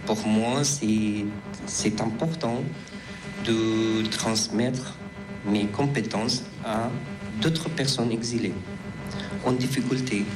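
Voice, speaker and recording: A man in his thirties with an Afghan accent reads his testimony at a very slow, careful pace. His voice sits at an ordinary middle pitch, and he stops and restarts words. Clear music plays behind him. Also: poor audio. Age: 30s. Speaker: refugee giving testimony. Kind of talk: reading a prepared testimony.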